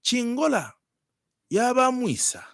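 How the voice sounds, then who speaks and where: A man's voice: extremely high pitch, huge pitch swings, slow, gravelly, a bit bright, no room sound, studio quality. A man with a Zambian accent speaking as a politician in an interview, arguing emphatically and repeating words and phrases.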